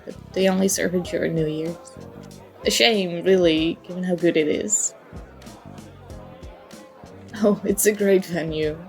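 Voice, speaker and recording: A woman with a fairly low voice and vocal fry sounds friendly and chatty as she plays a flirty, charming stranger at a party bar. This acted, one-sided ASMR roleplay is playful, teasing, coy and mock-apologetic, with soft music and party chatter in the background.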